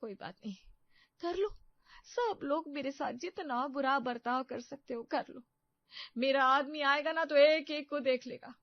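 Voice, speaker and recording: A woman voicing a self-pitying young bride in a cartoon story, whining and accusing everyone around her in theatrical bursts. The voice sits fairly high, with a dry, slightly dull sound and no room around it. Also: animated, unhurried, no room sound, heavily acted. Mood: sulky. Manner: whiny, accusing, theatrical wailing. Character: melodramatic young female daughter-in-law, self-pitying. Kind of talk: animated story voice acting.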